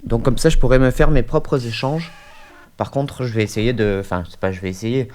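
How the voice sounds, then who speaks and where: A gaming YouTuber with a head cold sounds stuffy as he chats casually through let's-play commentary at his desk mic, hesitant and full of fillers. His voice is medium-pitched, a little mellow, and moves at normal speed.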